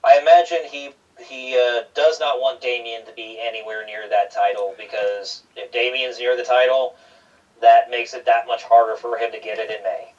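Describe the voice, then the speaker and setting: A man co-hosting casual wrestling talk, halting and repeating his words as he goes. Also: medium pitch, fairly even intonation. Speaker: wrestling show co-host. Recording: dull lo-fi sound, distant from mic.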